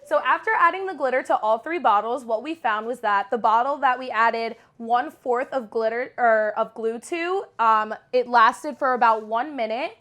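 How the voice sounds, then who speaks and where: Bubbly high-voiced young woman explaining a craft. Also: moderate pace, few pauses, fairly bright tone. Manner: bubbly, giggly, chatty with a small child. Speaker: craft video host. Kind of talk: instructional craft demo for kids.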